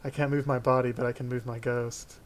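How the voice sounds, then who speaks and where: A man voicing an earnest, pleading ghost with slow, halting, solemn speech in a tabletop game. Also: medium pitch, flat delivery, a little hiss or hum, close to an everyday voice.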